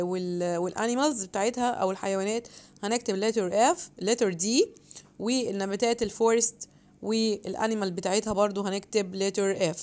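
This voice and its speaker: A young woman with an Egyptian Arabic accent explains an English activity book page by page. She reads the English prompts slowly and carefully and mixes English words into her Arabic explanations. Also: mid-range voice, darkish tone. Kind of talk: homework walkthrough lesson.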